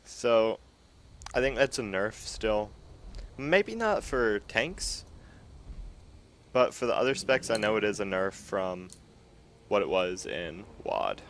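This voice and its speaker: A man casually commenting on his gameplay, thinking aloud in a relaxed way as he goes. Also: on the low side, slow, pauses often, slight background noise. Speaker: gameplay video host.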